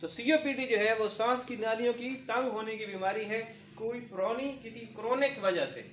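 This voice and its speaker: A man's voice: very high-pitched, moderate pace, fairly bright tone, echoey room. Guy teaching paramedics, lists symptoms, gives patient examples, faint room hum behind. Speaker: medical lecturer. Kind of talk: classroom lecture for paramedics.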